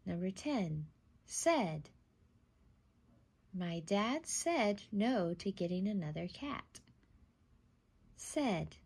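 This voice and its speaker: A woman reading out a scripted spelling test as a teacher, enunciating deliberately and setting words apart. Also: mid-range voice, expressive, a little mellow, breathy edge. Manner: deliberate enunciation, isolating each word and repeating it.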